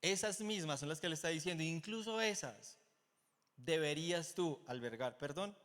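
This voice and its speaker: A middle-aged Colombian man preaching a sermon in a church auditorium, telling stories in an animated way and acting out the dialogue. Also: on the high side, moderate pace. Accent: Colombian Spanish. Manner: animated storytelling, acts out quoted dialogue. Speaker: pastor. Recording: long hall reverb.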